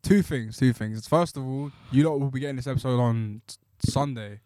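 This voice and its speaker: Loud young podcast host. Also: male voice, medium pitch, brisk, no echo, studio quality. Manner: loud, joking, slangy. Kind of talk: casual chat.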